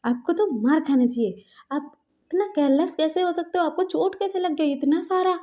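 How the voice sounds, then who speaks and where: A woman voicing a young man who scolds his injured lover with anxious, high-pitched questions. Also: normal speed, warm tone, highs cut off, close to an everyday voice. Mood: angry.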